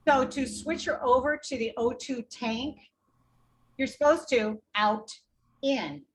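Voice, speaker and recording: Her voice high-pitched and unhurried, a woman recounts a fraught hospital incident on a podcast, indignantly acting out what each party said. She is a patient advocate, and the low-quality audio carries a little hiss or hum.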